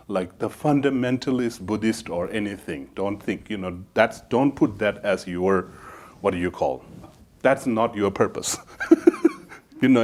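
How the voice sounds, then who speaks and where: A male Buddhist teacher giving a dharma talk, speaking haltingly with many fillers and laughing often at his own story. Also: fairly low pitch.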